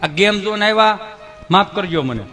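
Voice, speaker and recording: A man telling comic folk stories on stage, putting on squeaky voices for other people. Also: expressive, normal speed, bright, forceful tone, soft background music. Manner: acts out other voices in high squeaky tones. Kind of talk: Gujarati dayro stand-up storytelling to a live audience.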